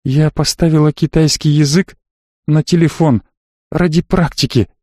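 A sharp-tongued young woman, put on by a male audiobook reader, who talks back in scornful, clipped retorts. The voice sits noticeably higher than the reader's usual voice, in a dry, close recording. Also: steady tone, moderate pace, no room sound. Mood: defiant.

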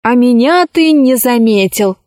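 A woman reading a children's story aloud, voicing a level-headed girl who scolds and reasons calmly. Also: a little high, unhurried, no echo, studio quality. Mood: reproachful.

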